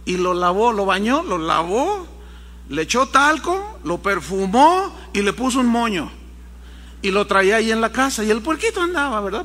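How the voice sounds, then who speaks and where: Animated high-voiced preacher in a hall. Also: male voice. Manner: animated storytelling, acting out voices. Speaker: pastor. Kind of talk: sermon.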